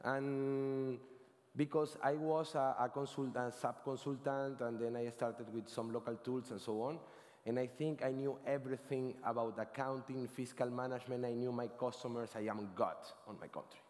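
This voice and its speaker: A man's voice: mid-range voice, fairly even intonation, normal speed, darkish tone. A man in his thirties from Venezuela with a Venezuelan Spanish accent, giving a casual, rambling conference talk on stage, often correcting himself and adding "right?". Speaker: conference speaker. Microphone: headset. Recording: long hall reverb.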